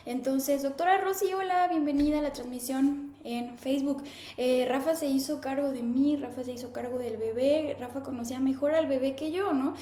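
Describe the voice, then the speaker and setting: A woman in her thirties hosting a live stream, chatting casually and reading viewer comments aloud in a warm, conversational way. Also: sits high, a little hiss or hum. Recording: echoey room.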